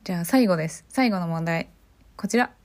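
A woman hosts a solo podcast, chatting casually and often throwing questions out to her listeners. Her voice is on the low side and brisk, with background noise audible.

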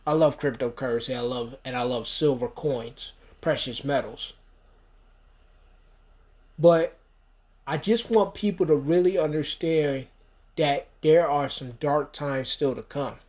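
A slightly slow, darkish voice that sits on the higher side belongs to a man in his thirties from the United States. He hosts a podcast solo, rambling along emphatically and leaning heavily on "you know."

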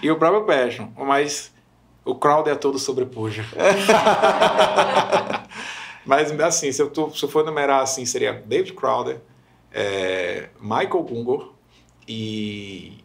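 A young Brazilian man, a worship minister, chatting on a podcast and telling stories with lively, emotional retellings. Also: mid-range voice, unhurried, creaky, a little hiss or hum. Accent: Brazilian Portuguese. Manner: animated storyteller, acts out quoted voices. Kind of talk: casual podcast chat.

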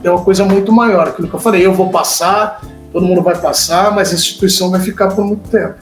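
A man with a high voice tells a sports reporting story in relaxed conversation, switching into the voices of the people he quotes. The room sounds roomy and echoey. Faint music plays in the background. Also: fast. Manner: animated anecdote-telling, acts out quoted dialogue. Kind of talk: casual storytelling chat.

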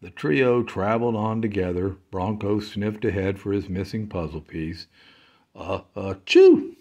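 A man narrating a children's storybook in a gentle, unhurried reading voice. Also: on the low side.

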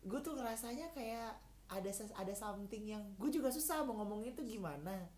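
A woman's voice: a little high, expressive, a little fast, crowd noise. A woman co-hosting a casual chat, rambling with many fillers and restarts. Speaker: podcast co-host.

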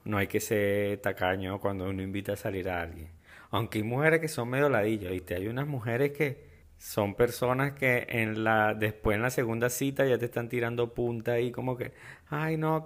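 Slangy Venezuelan man, lowish voice. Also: steady tone, normal speed. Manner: rambling, slang-heavy, joking. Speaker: podcast host. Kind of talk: casual solo podcast chat.

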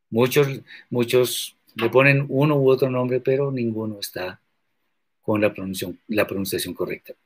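Guy teaching scripture, slow and deliberate, mid pitch, throws in pointed questions. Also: breathy edge. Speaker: religious teacher.

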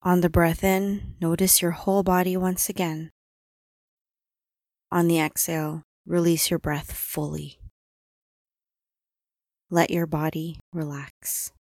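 Slow, soothing woman guiding meditation. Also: on the low side, no room sound, clean studio sound. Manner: calm, soothing, unhurried instructions with long pauses. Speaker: meditation guide. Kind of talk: guided body-scan meditation.

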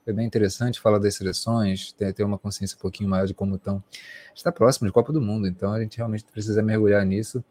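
A man's voice: lowish voice, fairly even intonation, fast, darkish tone. A man with a Brazilian Portuguese accent, co-hosting a sports talk show and reflecting casually at the close, rambling with fillers. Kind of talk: casual wrap-up chat.

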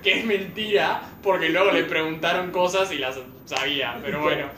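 A young man with an Argentine accent, animated as he tells a story to friends and laughs along the way. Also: on the high side, moderate pace. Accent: Argentine Spanish. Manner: animated, laughs through his own story. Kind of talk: casual storytelling among friends. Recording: echoey room, faint background hum.

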